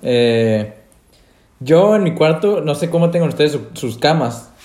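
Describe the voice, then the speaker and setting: Lively young Mexican man telling a scary story. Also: on the high side, unhurried, echoey room. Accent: Mexican Spanish. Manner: animated storyteller, laughs often.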